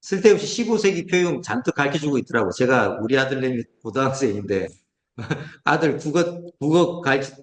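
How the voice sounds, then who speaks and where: Male lecturer in his 40s, very fast, lively pitch, echoey room recording. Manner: rapid, conversational, rhetorical questions. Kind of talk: online lecture.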